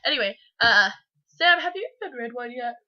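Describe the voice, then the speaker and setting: A woman's voice: fairly high pitch, expressive, fairly quick. A sick woman with a congested, stuffy nose, hosting and reading scary stories in a giggly, mock-dramatic way. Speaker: channel host. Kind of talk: dramatic comic story reading. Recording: muffled lo-fi home recording.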